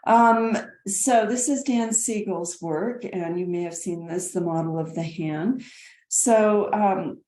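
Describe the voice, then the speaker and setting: A woman's voice: mid-range voice, slow pace, mellow, roomy sound. A woman, a nursing educator, explaining slides in an earnest way and often repeating words as she goes.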